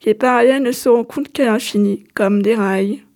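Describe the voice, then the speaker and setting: A woman reading a calm female guide. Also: fairly high pitch, fairly quick, close to an everyday voice. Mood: patient explaining.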